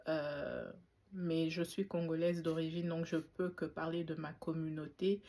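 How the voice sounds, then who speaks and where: Her voice sits low and mellow with little pitch movement, and she talks a little slowly. She's a Belgian woman in her forties making a casual to-camera YouTube video, reflective and faith-inflected, with many fillers and restarts.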